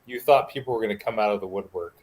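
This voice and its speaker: Casting: male podcast panelist, slightly low voice, relaxed and blunt. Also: fast. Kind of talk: casual chat.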